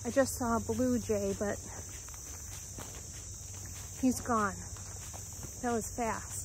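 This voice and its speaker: A woman calmly narrating a walk through her woods, pausing often as she points out plants and animals. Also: a little high, slight background noise, rough recording. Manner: calm, unhurried, pausing often. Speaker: homestead vlogger. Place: outdoors in woods by a creek. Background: faint insects and outdoor ambience.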